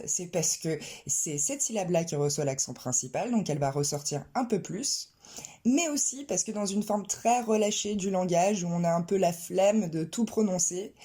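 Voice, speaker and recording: Woman, English teacher, low voice, mellow, explanatory, models pronunciation. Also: husky. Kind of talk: online English lesson.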